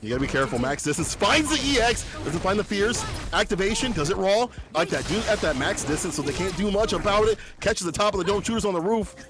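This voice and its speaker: Male esports caster, high voice, lively jokey play-by-play, music under him. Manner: excitable, joking, fast play-by-play. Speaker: esports commentator. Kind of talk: live fighting game commentary.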